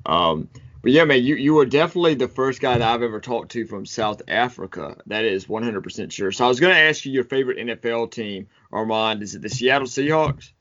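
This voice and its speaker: Friendly American podcast host, lo-fi. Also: male voice, mid-range voice, lively intonation, fairly quick, fairly bright tone. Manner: friendly, says man often. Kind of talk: casual podcast interview. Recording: dull lo-fi sound.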